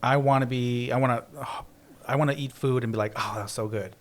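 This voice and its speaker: A man's voice: medium pitch, fairly even intonation, fairly quick. A man co-hosting a casual podcast chat, teasing his co-host and rambling through restarts.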